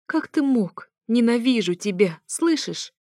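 A woman voicing a heartbroken young wife who cries and shouts through her tears. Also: on the high side, expressive, unhurried, no room sound, studio quality, voice pushed up. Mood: sobbing angry. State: crying.

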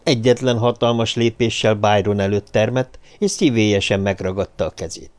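A man with a lowish voice narrates an audiobook, reading the scripted text in a steady, measured way.

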